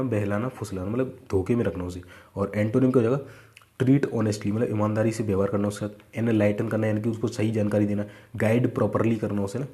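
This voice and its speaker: A young man teaches exam vocabulary in an easy, chatty way. His voice sits low and mellow, and he keeps asking his students whether they follow. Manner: conversational, repeats 'है ना' and 'ठीक है'. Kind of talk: casual Hindi lesson.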